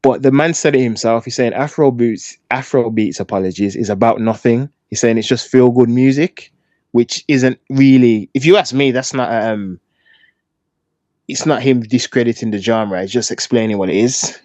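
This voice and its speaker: A podcast co-host talks through his opinions candidly in a casual, chatty conversation. His voice sits in the mid range with a darkish tone, and he speaks at a moderate pace. The recording is dry, dull and slightly lo-fi.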